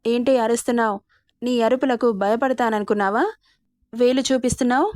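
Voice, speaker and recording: A woman's voice: a little high, steady tone, a little fast, darkish tone, dry recording, studio quality, natural voice. A woman reading a storybook villain, a controlling young man who threatens and taunts. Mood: menacing. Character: menacing young male villain, controlling and cruel.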